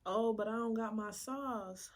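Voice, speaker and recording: A woman's voice: fairly high pitch, a little slow. A young woman, chatting casually while eating for a mukbang video, laid-back, laughing often and using many fillers. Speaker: mukbang vlogger.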